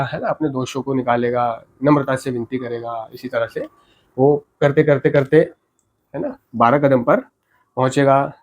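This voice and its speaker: Male recovery speaker, slightly high-pitched, earnest and explanatory, casual teaching tone. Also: a little mellow. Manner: earnest, explanatory, often adds tag questions. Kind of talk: informal spoken talk on recovery.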